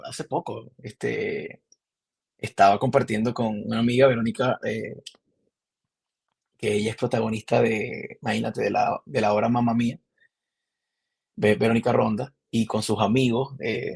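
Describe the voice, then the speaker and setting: A young Venezuelan man with a Maracaibo accent, a podcast guest chatting casually and telling animated stories with many restarts. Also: medium pitch, vocal fry, slightly rough. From Venezuela, Zulia. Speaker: podcast guest, film director. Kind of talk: casual interview chat.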